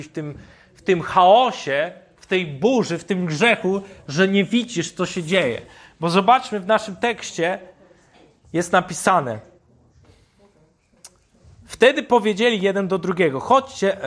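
A man preaching a sermon, speaking deliberately and asking his listeners rhetorical questions. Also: high-pitched, a bit bright.

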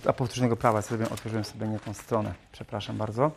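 A man preaching a sermon in a lively way, reading scripture aloud in a raised voice and joking with rhetorical questions. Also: fairly low pitch, fast, vocal fry, slight background noise. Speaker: pastor.

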